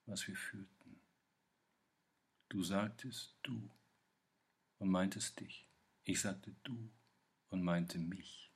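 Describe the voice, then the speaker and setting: A man reads literary poetry aloud in a measured recitation, pausing between phrases. His voice is somewhat low and husky, and his delivery is unhurried. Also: fairly even intonation. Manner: slow, measured recitation with pauses. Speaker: reader.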